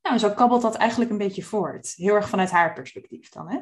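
A woman co-hosting a book discussion, relaxed and hesitant, pausing often as she explains. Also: medium pitch. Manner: relaxed, hesitant with many pauses. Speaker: podcast co-host discussing a book.

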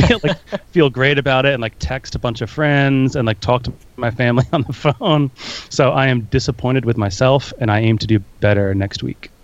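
A man's voice: medium pitch, moderate pace. A man co-hosting a podcast in casual chat, rambling and self-mocking with many fillers. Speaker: podcast co-host. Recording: dull, dry lo-fi podcast audio.

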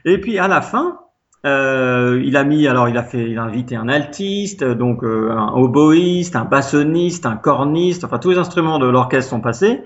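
As an interview guest, a Frenchman spins a long childhood tale at a normal pace, his voice in an ordinary middle pitch. He rambles warmly and animatedly, full of fillers and restarts, in casual storytelling on a slightly dull, lo-fi recording.

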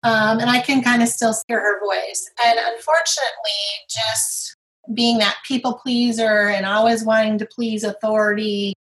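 A middle-aged woman appears as an interview guest, sharing her recovery story candidly and earnestly. Her voice is on the high side, and she brings scenes to life with animated quoted voices. The audio quality is poor.

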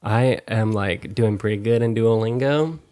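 A man co-hosting a podcast in casual chat, animated and profane, laughing often. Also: fairly low pitch, measured pace. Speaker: podcast co-host.

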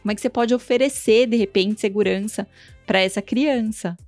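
A woman hosts a podcast and lays out her thoughts in a calm, explanatory way. The recording is dry and close, with no room sound. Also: a little high, fairly quick, no echo, soft background music. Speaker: podcast host. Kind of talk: casual chat.

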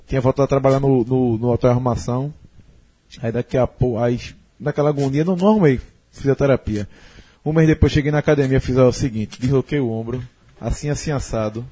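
A man's voice: mid-range voice, quick pace, dark tone, breathy edge. A man telling a rambling personal anecdote in a casual podcast, acting out the dialogue. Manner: rambling storyteller who acts out quoted dialogue.

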